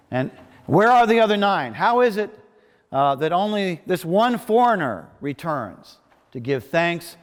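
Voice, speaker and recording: A man delivering a sermon as a preacher, in a measured, pausing manner with hesitant restarts. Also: fairly high pitch. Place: large reverberant worship space. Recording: long reverb of a large hall.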